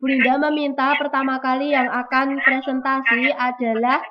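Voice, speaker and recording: A woman's voice: high-pitched, little pitch movement. Woman teacher on a noisy video call. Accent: Indonesian. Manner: explains slowly, repeats key terms. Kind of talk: online class lesson. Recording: dull lo-fi audio with clear noise.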